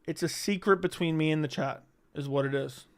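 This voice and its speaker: A young man with a smooth, clear voice that sits a little high for a man. He hosts a loose, rambling livestream, swears freely, and answers chat questions as they come. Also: brisk. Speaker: livestream host.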